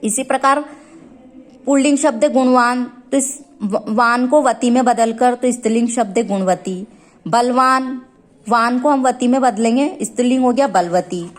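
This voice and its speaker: Woman, Indian accent, schoolteacher, slightly high voice, careful textbook explanation. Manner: slow, steady explaining, stretching out example words. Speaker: school teacher. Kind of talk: grammar lesson read from a textbook.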